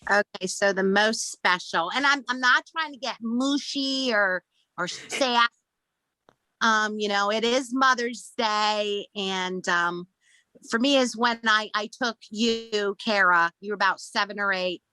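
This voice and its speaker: A middle-aged woman talks slowly and haltingly in an interview, pausing often as she holds back tears. Her voice is bright and forward. The sound is dry and close. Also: mid-range voice, no room sound, poor audio. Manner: slow, halting and tearful, many fillers. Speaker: guest, podcast host's mother. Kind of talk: emotional interview.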